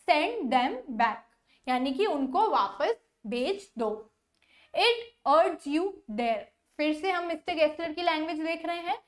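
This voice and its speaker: A woman teacher explaining English word meanings to students, reading English lines slowly and repeating them. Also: sits high. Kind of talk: classroom lesson explaining English vocabulary.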